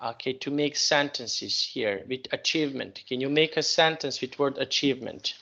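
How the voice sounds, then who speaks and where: A man's voice: mid-range voice, normal speed, vocal fry, sharp tone, dull audio. A man teaching English online, patiently prompting his student and correcting her sentences.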